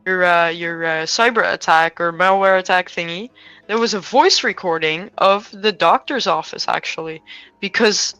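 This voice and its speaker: A woman's voice: fairly low pitch, moderate pace, sharp tone, smooth, dry recording, rough recording. A woman arguing as defense lawyer in a courtroom role-play game, stumbling over fillers and swearing.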